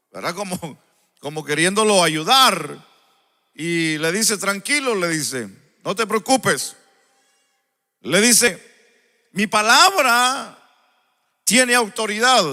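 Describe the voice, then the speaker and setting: A male preacher gives a live sermon after an opening prayer in a church sanctuary. He tells stories slowly and often checks in with the congregation. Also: sits high, pushed and bright. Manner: unhurried storytelling, often asks the congregation "¿verdad?". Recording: long church-hall reverb.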